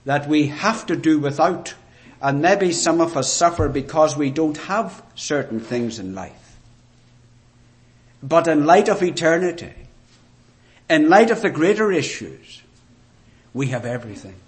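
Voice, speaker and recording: Slow, deliberate Ulster man preaching a sermon. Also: mid-range voice. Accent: Northern Irish, Ulster. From rural Ireland, Ulster. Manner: deliberate, rhetorical, with emphatic phrases and questions to listeners.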